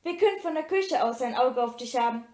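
Squeaky, overeager stepmother in a storybook reading, read by a woman, high. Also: animated, a little fast, dark tone. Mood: gushing. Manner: squeaky, gushing. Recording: roomy echo.

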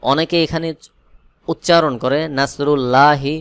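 Brief: male Quran teacher, Bangladeshi Bengali accent, resonant voice, dry close sound, spells out verses then chants them slowly. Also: mid-range voice, clean tone, no echo. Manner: slow melodic chanting when reciting verses, plain explaining between. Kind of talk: spelling-out Quran recitation lesson.

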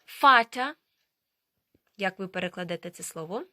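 A woman teaching a language lesson, slowly and carefully modelling pronunciation and drilling words. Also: medium pitch, lively intonation, a bit bright, no room sound, clean studio sound.

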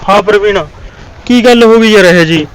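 A man's voice: high-pitched, normal speed, recorded from a distance, slight background noise, natural voice, poor audio. An actor playing a young man with a Punjabi accent, pleading with his girlfriend outdoors by a street in a short film. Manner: pleading, coaxing, repeats "yaar". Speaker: boyfriend.

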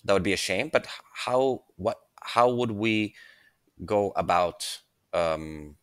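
A man with a deep, low voice explains a software task step by step over a screen capture. He sounds relaxed and thinks aloud, with plenty of fillers and restarts. The recording is dry and close, with no room sound. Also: slow, clear, resonant tone, no echo. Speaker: software tutorial presenter.

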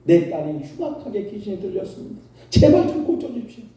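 A desperate, persistent mother pleads and cries out, voiced by a male pastor within his sermon. The voice rises high with lively swings, mellow and dark in tone. It rings with reverb from a distant mic in a church hall. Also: quick pace. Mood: pleading. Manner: pleading, crying out. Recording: echoey hall from far off.

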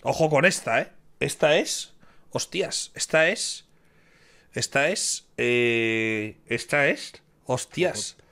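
A man's voice: medium pitch, animated, slow, sharp tone. A man, reacting to a quiz in casual commentary, thinking aloud, repeating his guesses and cheering himself on. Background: quiz background music.

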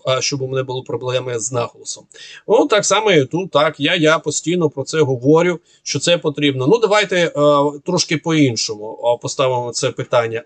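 A man talks through viewers' questions off the cuff in a somewhat high voice. He is sarcastic and combative, pausing often on filler sounds. The sound is dry and close, with no room echo. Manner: sarcastic, argumentative, hesitant with frequent filler sounds. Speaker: military analyst answering viewer questions. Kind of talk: unscripted monologue.

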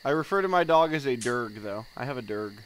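A man's voice: mid-range voice, animated, fairly quick. A man chatting playfully and joking as he comments on an online game with his friends. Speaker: let's play co-host. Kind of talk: casual chat and game commentary. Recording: faint noise, insects and game ambience.

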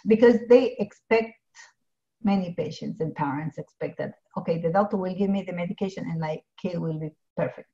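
A middle-aged woman from Ecuador speaks. Her voice sits a little low. She talks earnestly, with fillers and restarts, through dull, lo-fi video call audio from a home office. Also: brisk, warm tone. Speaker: pharmacist guest.

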